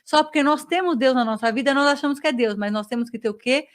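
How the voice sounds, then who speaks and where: Lady on a podcast, talks fast, lively testimony, plays out the dialogue. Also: high-pitched. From Brazil. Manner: lively storyteller who acts out dialogue. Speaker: podcast guest. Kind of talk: personal faith testimony.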